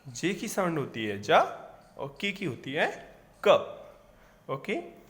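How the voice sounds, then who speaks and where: A man teaching a phonics lesson at a very slow, careful pace, with a voice that sits a little high. He says each letter sound again and again and keeps asking "okay". The recording carries a long, echoing reverb. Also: sing-song, fairly bright tone.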